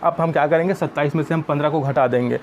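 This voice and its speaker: A man's voice: fairly high pitch, fairly even intonation, rapid-fire, a little mellow, slight background noise. A man teaching math, explaining each step patiently and often calling viewers friends.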